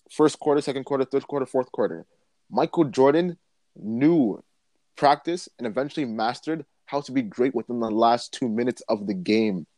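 A man's voice: medium pitch, dark tone, no echo. A man co-hosting a casual sports podcast, making his points emphatically and building them up in lists. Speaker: podcast co-host.

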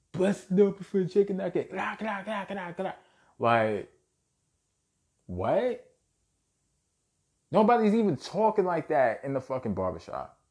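A man's voice: a little high, warm tone. A young man delivering a heated, profane commentary rant with emphatic repetition. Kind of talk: ranting commentary.

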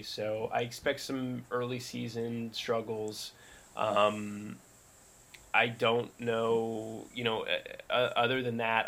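Gravelly-voiced man chatting casually. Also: medium pitch. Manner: relaxed, many fillers and restarts. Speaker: podcast co-host. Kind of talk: casual sports chat.

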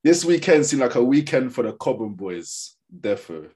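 A man's voice: medium pitch, sing-song, normal speed, dark tone. A man with an urban London accent and slangy roadman manner, hosting a casual football chat. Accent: London, urban street slang. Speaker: podcast host.

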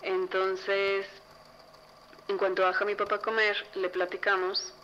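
Chatty young Mexican woman, bright voice. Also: mid-range voice, unhurried. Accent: Mexican Spanish. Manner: chatty, lively, full of fillers. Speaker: storyteller. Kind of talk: casual spoken ghost story. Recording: dull lo-fi recording with faint noise.

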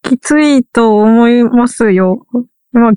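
A woman's voice: fairly high pitch, slow pace, warm tone, smooth, no room sound. A woman from Ehime who teaches English literature, chatting casually, wry and trailing off as she searches for words. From Ehime, Japan. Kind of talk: casual chat.

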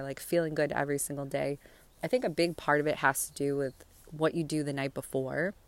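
Cheerful, chatty low-pitched woman. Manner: chatty and rambling, with frequent asides. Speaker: vlogger giving motivational advice. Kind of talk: casual motivational pep talk. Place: outdoors on a sun deck.

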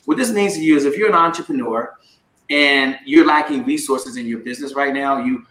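A man's voice: medium pitch, a little fast, a bit bright. A middle-aged man giving a motivational sales talk to a live audience, emphatic and drawing call-and-response from the crowd. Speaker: sales coach and speaker. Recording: echoey room.

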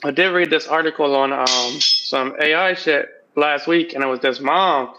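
A man's voice: on the high side, normal speed, bright, forceful tone, muffled recording, a little hiss or hum. A man co-hosting a podcast in casual, profane chat, laughing often. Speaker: podcast co-host.

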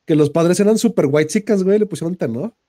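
A man with a Mexican Spanish accent hosts a casual podcast, talking in a somewhat high, mellow voice. His speech is crude and slang-heavy. He rants and breaks into mocking imitations, and the sound is close and dry. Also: fast talker, no room sound. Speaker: podcast host.

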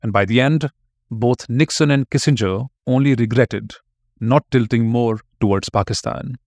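Guy reading a history script, regular pitch, storyteller vibe, dead dry recording. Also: normal speed, darkish tone, no room sound. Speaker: history podcast narrator. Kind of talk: scripted narration.

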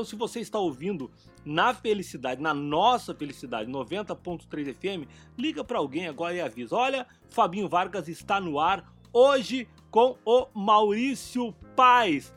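A man with a notably high voice hosts a live faith-themed radio talk show from the studio. He is upbeat and chummy with his guest, and soft music sits underneath his voice. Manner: upbeat, chummy, rapid-fire banter. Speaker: radio and podcast host.

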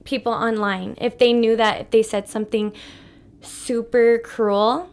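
A woman's voice: a little high, level tone, a little slow, clear, resonant tone. A young woman co-hosting a casual Q&A podcast, speaking earnestly and thoughtfully. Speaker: podcast co-host. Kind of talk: casual chat.

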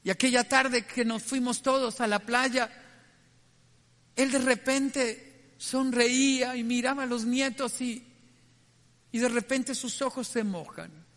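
Male preacher, bright tense tone, earnest devotional delivery, long reverb. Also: very high voice, steady tone, takes it slowly. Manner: earnest, reflective, asks listeners direct questions. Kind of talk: devotional radio message.

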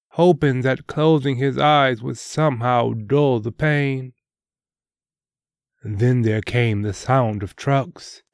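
A man hosting and narrating a serial story, reading scripted dramatic prose in a measured, deliberate way. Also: medium pitch, dry recording, studio quality.

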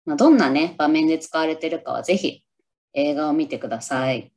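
Low-voiced chatty woman. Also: fairly quick, a little mellow. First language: Japanese. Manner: chatty, upbeat, tries out English lines aloud. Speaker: podcast host. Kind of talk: casual solo movie review talk.

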